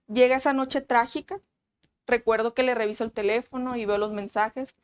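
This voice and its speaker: A young woman recounts her own story, her voice sitting a little higher than most. She speaks earnestly and haltingly, backing up to restart phrases as she goes. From Mexico. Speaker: guest. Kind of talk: personal testimony.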